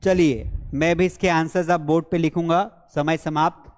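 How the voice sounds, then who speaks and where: A man teaching English grammar in a live online class, repeating example sentences slowly and checking that students follow; his first language is Hindi. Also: fairly high pitch, steady tone, long reverb tail. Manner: slow, drilled repetition of example sentences; coaxing, checks understanding with repeated questions. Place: studio with a board and screens.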